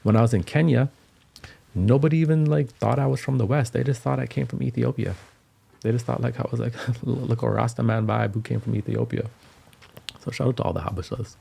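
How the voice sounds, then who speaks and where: A man's voice: medium pitch, steady tone, a little fast, gravelly, mellow, husky. A man hosting a music livestream, chatting casually in a laid-back, slangy way. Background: music playing.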